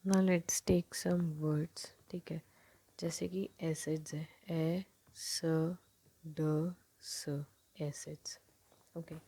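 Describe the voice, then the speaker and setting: A woman's voice: low-pitched, flat delivery, very slow, creaky, warm tone, breathy edge. A woman teaching shorthand in Hindi mixed with terms, often sinking to a near whisper while she writes the strokes. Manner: mixes Hindi with English terms.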